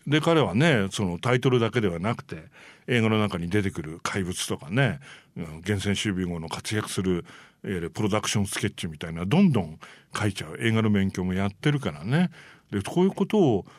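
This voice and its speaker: Telling casual stories about film history, this male host is animated and chatty, loaded with fillers and small acted-out quotes of people. His voice sits on the low side, in a dry, clean studio recording.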